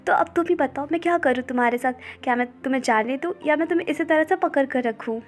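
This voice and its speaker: A woman's voice: high voice, fast talker, soft background music, natural voice. A woman voicing a playful young man who teases the heroine. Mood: teasing. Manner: teasing, playful.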